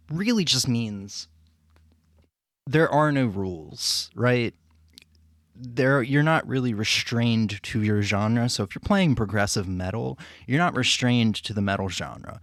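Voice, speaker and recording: A man's voice: mid-range voice, dry recording, studio quality. A man chatting casually on a stream in a rambling, hesitant way with some swearing. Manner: rambling, hesitant, profanity-laced. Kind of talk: casual chat to a stream audience.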